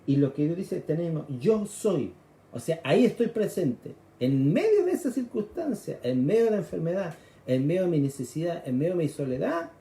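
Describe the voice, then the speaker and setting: A man's voice: fairly high pitch, vocal fry, warm tone, echoey room. A man with a Chilean accent preaching a sermon, explaining scripture conversationally and acting out the cries of frightened people. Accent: Chilean Spanish.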